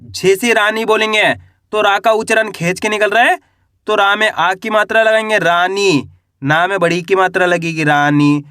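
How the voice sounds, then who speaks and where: Guy sounding out words slow, high voice, dry close mic. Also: fairly even intonation, bright, forceful tone, smooth, no echo. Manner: slow, sounding out syllables and asking questions. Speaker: teacher. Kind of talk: Hindi reading and writing lesson.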